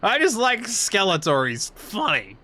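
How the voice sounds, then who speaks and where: A man's voice: high voice, huge pitch swings, a little slow, sharp tone. A man giving casual, rambling gameplay commentary, sweary and self-deprecating. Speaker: game streamer.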